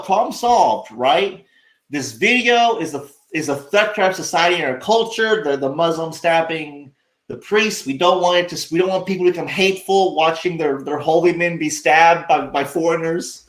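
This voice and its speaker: A man's voice: on the high side, normal speed, roomy sound, rough recording. A man hosting a livestream, rambling and sarcastic, swearing freely as he talks casually to his chat. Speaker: livestream host.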